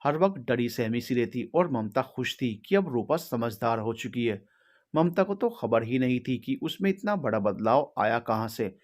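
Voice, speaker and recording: A man narrating a sad family story in a steady, solemn way. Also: mid-range voice, normal speed.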